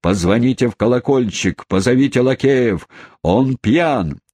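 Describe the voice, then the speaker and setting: A man voicing a hot-tempered elderly male host who shouts and blusters in a storybook reading. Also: mid-range voice, expressive, no echo, voice pushed up. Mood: furious. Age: older. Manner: gruff, quick to anger.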